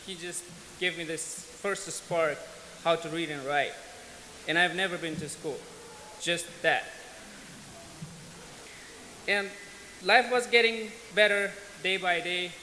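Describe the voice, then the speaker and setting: This is a personal testimony from an Afghan man in his twenties, invited to speak at a church and telling his life story in earnest. His high, sharp voice moves at a relaxed, plain-spoken pace, with occasional small restarts. The recording picks up the echo of a large church hall and a faint hiss.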